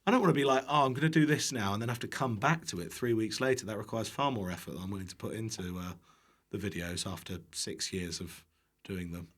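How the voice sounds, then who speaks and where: A British man who makes cooking content online guests on a podcast, his lowish voice fairly quick and slightly rough. He chats casually, joking at his own expense and swearing now and then.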